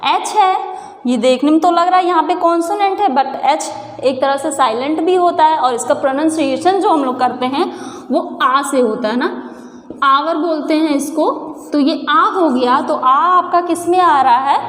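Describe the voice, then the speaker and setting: Female teacher, high-pitched, patient explainer, recorded in a reverberant room. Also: normal speed. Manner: patient, repeats questions to the viewer and answers them. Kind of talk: explaining a grammar lesson.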